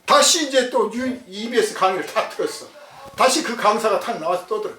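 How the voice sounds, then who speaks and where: A man preaching a sermon as a pastor, telling a story in a lively way and acting out the voices of the people in it. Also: sits high, fairly quick, reverberant, far from the mic, a little hiss or hum. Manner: animated storytelling, acts out dialogue.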